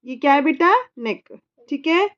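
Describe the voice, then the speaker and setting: A woman's voice: sits high, animated, measured pace, a bit bright, lo-fi sound. A woman teaching her child English body words, patiently repeating each word and spelling it letter by letter. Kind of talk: slow spelling lesson.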